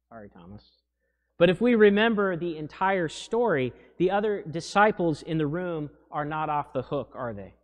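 Earnest high-voiced male preacher in a church. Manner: earnest, emphatic preaching with rising conviction. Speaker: pastor. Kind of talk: sermon. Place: church chancel. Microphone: stand mic at lectern. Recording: long church reverb.

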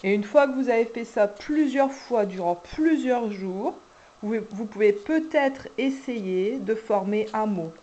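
Slow, patient woman teacher. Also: fairly high pitch, expressive, mellow, highs cut off, slight background noise. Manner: slow, stretched-out syllables, patient explaining. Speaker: kindergarten teacher. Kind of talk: instructional video for parents.

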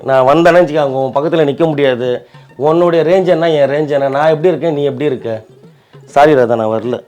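A man's voice: a little high, fast, darkish tone, faint music behind. A man in a comic sketch, pleading and putting himself down in a whiny way. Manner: pleading, self-deprecating, whiny. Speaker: comedy prank performer.

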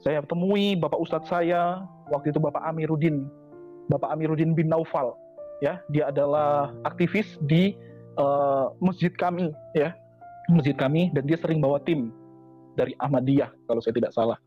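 High-voiced man giving earnest testimony. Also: moderate pace. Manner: repetitive, earnest, heartfelt phrasing. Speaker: convert giving a church testimony. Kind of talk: personal testimony to a congregation. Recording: dull lo-fi recording with faint music.

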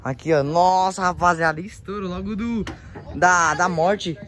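A young man from Brazil speaks in a São Paulo accent, vlogging casually on a handheld phone outside. His talk is slangy and excitable, addressed to viewers and the people around him. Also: high voice, a little slow. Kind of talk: casual vlog chat. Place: outdoors in a residential yard. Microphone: handheld phone, held by the speaker.

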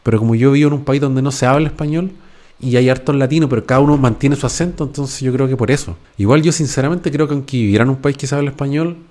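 A man's voice: mid-range voice, fast, darkish tone. A man in his forties with a Chilean accent, chatting casually at home into a podcast mic, full of slang and swearing. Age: 40s. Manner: slangy, swearing often, keeps tagging a question to the listener. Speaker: podcast host. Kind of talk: casual chat. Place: at home, indoors. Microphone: podcast microphone.

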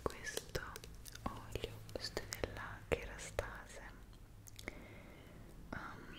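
A woman whispers a casual, unhurried ASMR chat, very hushed and close to the microphone, pausing to search for words. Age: 20s. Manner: hushed whisper, speaking very softly. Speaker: ASMR creator. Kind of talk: whispered ASMR chat about personal routine. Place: small indoor room. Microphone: two close side microphones in front.

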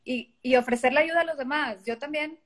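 A woman's voice: sits high, a little fast. A middle-aged woman with a Mexican accent, a guest in a casual interview, talking animatedly and acting out quoted dialogue. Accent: Mexican Spanish.

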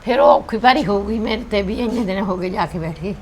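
Older woman as a frail grandmother, gravelly voice, gentle and consoling, family drama. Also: medium pitch, fairly quick, a little hiss or hum, lightly acted. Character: frail old village grandmother, loving, worried.

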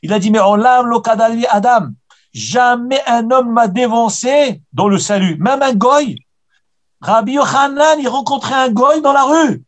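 High-voiced rabbi, emphatic. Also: male voice. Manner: emphatic, repeats key phrases, tells personal anecdotes. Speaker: rabbi teaching the weekly Torah portion. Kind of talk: Torah lesson answering questions.

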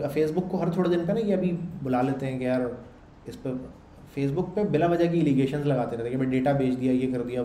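In a fairly high, mellow voice, a man teaches a programming class in a relaxed lecture style. He explains conversationally, checking in with "samjh rahe ho" and "theek hai," and the room echoes with a faint background hum.

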